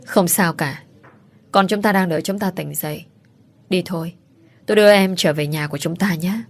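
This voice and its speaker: Woman narrator doing a loving young husband, gentle and low, dry read. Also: moderate pace, dry recording. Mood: tender. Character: young husband, tender and devoted.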